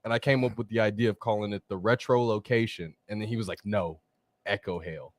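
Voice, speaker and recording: A man's voice: fairly low pitch, steady tone, fast, no echo, clean studio sound. A man co-hosting a live chat, talking earnestly and filling his speech with "like". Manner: earnest, chatty, says "like" a lot. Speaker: co-host. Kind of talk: casual live-stream chat.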